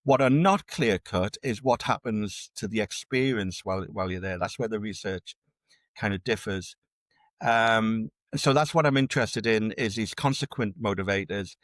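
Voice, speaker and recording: A man's voice: lowish voice, normal speed, fairly bright tone, no room sound. A man being interviewed as a researcher, explaining ideas in a conversational academic way and often repeating words as he restarts. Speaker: dark tourism researcher, guest.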